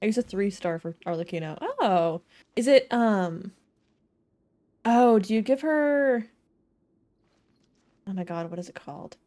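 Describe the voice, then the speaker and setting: A woman streams a game, chatting casually and reacting aloud over game music. Her medium-pitched, mellow voice is animated but a little slow, with long pauses.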